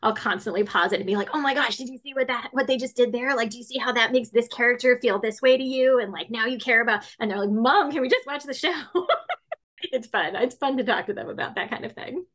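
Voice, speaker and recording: A woman in her forties who grew up mostly in Latin America writes fantasy for children. Her voice is a little high, fast and somewhat bright, and she answers interview questions chattily, laughing often and using lots of fillers.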